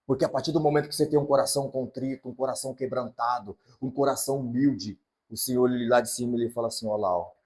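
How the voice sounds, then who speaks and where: A man's voice: medium pitch, fairly even intonation, fast talker, few pauses, darkish tone, breathy edge. A man with a Brazilian Portuguese accent preaching a sermon as pastor, praying aloud and acting out everyday complaints and replies in emphatic bursts. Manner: emphatic preaching with prayers and acted-out voices.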